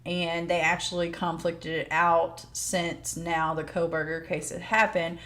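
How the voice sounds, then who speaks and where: A woman's voice: on the low side, flat delivery, unhurried, a bit bright. A woman giving informal, plain-spoken commentary as she explains court news like a true crime host.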